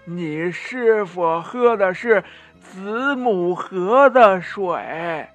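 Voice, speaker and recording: A man voicing a kindly old village woman in a children's storybook, speaking slowly and drawn out. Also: high voice, lively intonation, fairly bright tone, soft background music, voice pushed up, exaggerated voice. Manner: slow, drawn-out speech.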